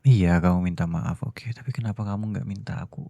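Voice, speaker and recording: A man playing a strict boss and loving husband in a whispered role-play, with a very low, gravelly voice. His tone is dark and husky, close and dry with no room sound. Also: steady tone, brisk, no room sound. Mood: gentle pleading. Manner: cold and scolding, then soft and pleading. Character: stern boss who is a doting husband. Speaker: voice actor.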